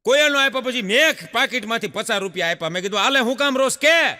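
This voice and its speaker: Lively high-voiced joke teller man. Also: fast talker, long reverb tail. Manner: lively storyteller, acts out characters' voices. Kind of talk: Gujarati folk joke telling on stage.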